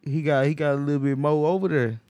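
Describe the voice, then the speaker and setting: A man's voice: fairly high pitch, fairly even intonation, quick pace, a little mellow, no room sound. Slangy man repeating blunt verdicts. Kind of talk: casual football debate.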